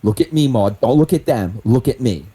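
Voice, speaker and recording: A man's voice: medium pitch, lively intonation, normal speed, breathy edge. A man playing an aggressive gunman who barks repeated orders. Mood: commanding. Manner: forceful, commanding, repeating orders. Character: aggressive gunman forcing attention at gunpoint.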